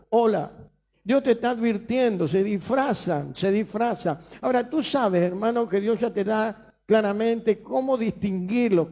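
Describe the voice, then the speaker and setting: A man's voice: sits high, dark tone. A man with a Rioplatense Spanish accent preaching a sermon as pastor, emphatic, repeating phrases and asking rhetorical questions.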